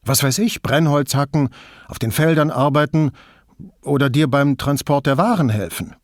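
A man's voice: a little high, normal speed, dry recording, studio quality, voice pushed up, lightly acted. A man reading an audiobook, voicing a curious, city-bred police inspector with a raised, eager, questioning tone. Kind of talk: audiobook character voice.

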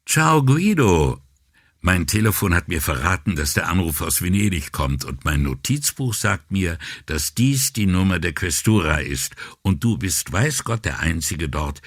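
A man's voice: low-pitched, very animated, a little slow, no echo, clean studio sound, exaggerated voice. A man reading an audiobook voices a playful, mock-serious male journalist speaking over a speakerphone. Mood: teasing. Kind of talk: audiobook character voice.

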